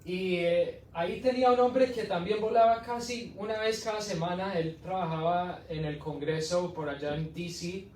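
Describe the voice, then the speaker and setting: A man, an evangelist, giving an animated testimony sermon full of storytelling and laughs in a church hall. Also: high voice, moderate pace, hardly any pauses, a little hiss or hum. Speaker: evangelist preacher. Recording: echoey hall from far off.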